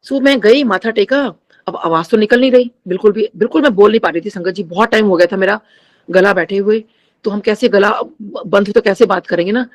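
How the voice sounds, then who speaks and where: A woman's voice: mid-range voice, brisk. A middle-aged woman sharing a spiritual testimony with a congregation. She addresses them often and mixes English phrases into her Hindi.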